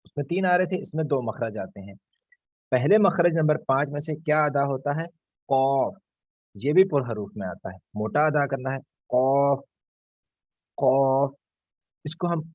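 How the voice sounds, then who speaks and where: A husky man leads an online recitation class, patiently sounding out each letter slowly and repeating it as a model. His voice comes through dry, with a slightly dull lo-fi quality from the call. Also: mid-range voice, darkish tone, no room sound. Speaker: Quran recitation teacher. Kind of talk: online tajweed lesson.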